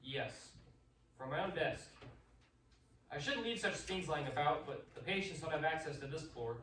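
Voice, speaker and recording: A man playing a composed, authoritative asylum doctor in a radio play, speaking in a measured, polite and commanding way. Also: on the high side, a bit bright, lightly acted. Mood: shaken, dismissive. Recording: very echoey, distant mic, background noise.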